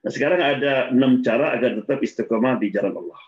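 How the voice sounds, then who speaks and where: A man's voice: mid-range voice, fast. A man preaching in a casual religious talk, telling stories and acting out the dialogue with a laugh between points. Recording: dull lo-fi recording.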